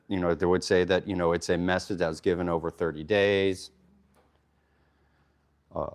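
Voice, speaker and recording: A man teaching a casual Torah study, who often stops to explain Hebrew terms and talks with frequent fillers and restarts. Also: sits low.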